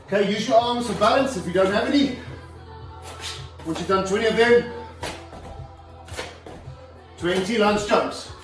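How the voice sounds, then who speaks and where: A man's voice: high-pitched, far from the mic. A man coaching a home leg workout, demonstrating each exercise as he talks and sometimes running out of breath. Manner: instructive, demonstrating while talking. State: out of breath at times. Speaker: fitness trainer. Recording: echoey room, voice from afar.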